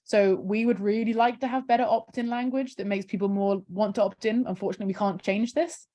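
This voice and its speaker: A woman who campaigns for a charity chats casually in a video call interview, guiding viewers through a screen share. Her mid-range voice is dark and steady, and she talks a little fast. Fillers like "um" and "kind of" crop up constantly.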